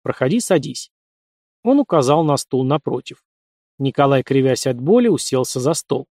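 A man's voice: medium pitch, big pitch swings, moderate pace, warm tone, no room sound. Male audiobook narrator, dry close sound.

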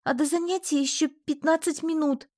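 A woman's voice: high-pitched, fairly even intonation, a little fast, a little mellow, no room sound, studio quality, pitched above the performer's own voice, lightly acted. A woman reading an audiobook voices an exasperated young female student in a raised voice. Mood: indignant.

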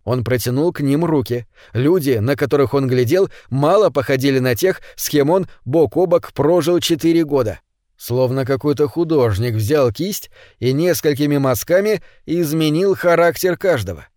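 A man narrating a story as an audiobook reader, reading in an expressive, animated way. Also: a little high, moderate pace, dry recording, studio quality. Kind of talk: scripted narration.

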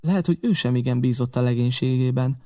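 A man narrating a classic adventure audiobook in the first person. His voice sits at a middling pitch for a man. The delivery is steady, even storytelling.

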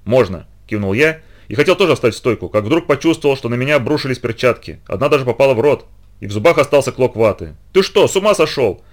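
Fast-paced man reading a story. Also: mid-range voice. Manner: expressive first-person storytelling. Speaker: narrator.

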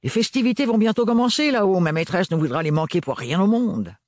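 A jovial redheaded servant who chats in a chummy, teasing, slangy way, as a man puts him on. The voice sits well above the reader's own and leaps about with lively swings in pitch. It sounds close and dry. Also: fairly quick, no echo. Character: jovial tall redheaded male servant, sly and wheedling. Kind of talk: audiobook character voice.

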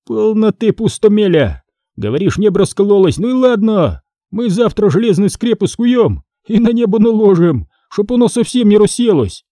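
A man reads the part of a brash blacksmith master, boisterous and scoffing, pitched well above a plain speaking voice. His lively, swinging delivery sounds warm and close. It comes across as a dry audiobook read. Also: moderate pace, no echo. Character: bold, mocking chained blacksmith master, adult man.

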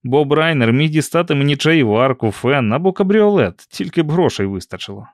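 A man's voice: on the high side, animated, brisk, dry recording. A man reading a first-person audiobook in a dry, ironic storytelling manner. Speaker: audiobook narrator.

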